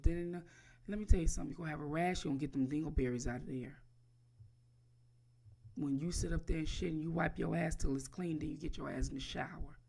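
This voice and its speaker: A woman's voice: deep voice, creaky, warm tone, breathy edge. A woman delivering a profane, taunting roast on a livestream, crude and mocking, repeating her target's name again and again.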